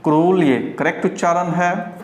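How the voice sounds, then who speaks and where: A man with a Bihari Hindi accent teaching English pronunciation, explaining slowly and repeating each word for learners. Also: a little high. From India. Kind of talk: pronunciation lesson. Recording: echoey room.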